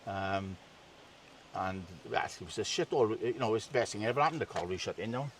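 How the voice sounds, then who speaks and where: A man's voice: on the low side, expressive, fairly quick. An older man with a Welsh Valleys accent, chatting casually and colloquially about local life as a lifelong resident. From South Wales Valleys. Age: late 50s or older. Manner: colloquial, tags sentences with "like" and "innit". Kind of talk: casual reminiscing chat. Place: outdoors in a former colliery village. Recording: distant mic, outdoor ambient noise.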